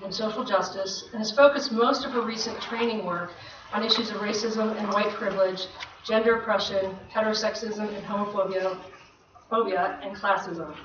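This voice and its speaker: A woman's voice: mid-range voice, fairly bright tone. A woman hosting an event reads out a formal speaker introduction. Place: large, full seminar room. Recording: echoey, noisy, distant, slightly muffled room recording.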